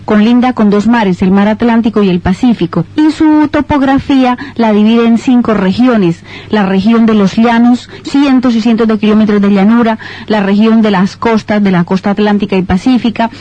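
A woman's voice: on the high side, moderate pace, few pauses, mellow. A woman, a radio guest explaining her country and listing foods one by one. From Colombia. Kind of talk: radio interview. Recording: dull lo-fi radio sound.

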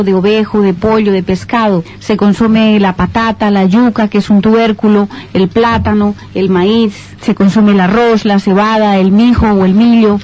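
A woman's voice: mid-range voice, a little mellow. Woman explaining on lo-fi radio. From Colombia. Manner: explanatory, listing items one by one. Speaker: guest. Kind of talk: radio interview. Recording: dull lo-fi radio sound.

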